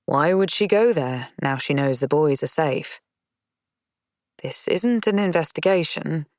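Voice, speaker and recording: A man narrating a mystery audiobook in a measured, even reading. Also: fairly high pitch, no echo. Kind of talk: scripted narration.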